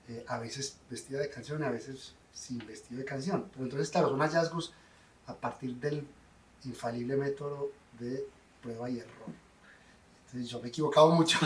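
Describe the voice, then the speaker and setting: A man's voice: mid-range voice, distant mic, a little hiss or hum. A middle-aged man, answering interview questions in a wry, self-deprecating way. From Colombia. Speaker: guest songwriter. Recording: roomy, off-mic sound.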